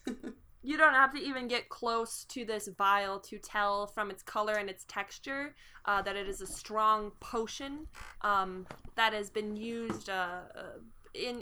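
A woman game master narrating a tabletop scene, descriptive and peppered with fillers. Her voice is bright and clear. She speaks at an ordinary middle pitch.

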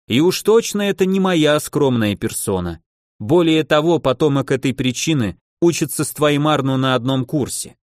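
A man's voice: fairly high pitch, animated, moderate pace, dry recording, clean studio sound, lightly acted. A man voicing a cool, composed mage. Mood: level, composed. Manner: level and composed. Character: cool, calculating free mage, male.

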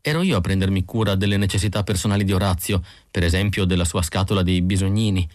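A man's voice: low-pitched, fast, darkish tone, no echo, studio quality, lightly acted. A man voicing a grieving middle-aged housewife, tearful and pleading, in an audiobook reading. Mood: anxious. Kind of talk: audiobook character voice.

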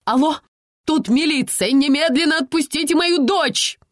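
A woman's voice: a little high, lively intonation, normal speed, no echo, studio quality, pitched above the performer's own voice, natural voice. A woman voicing an anxious, pampered middle-aged mother pleading shrilly. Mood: shouting.

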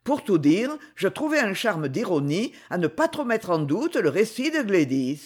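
A reader narrating a classic French story in an expressive, measured way. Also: mid-range voice, breathy edge. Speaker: audiobook reader. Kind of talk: literary narration.

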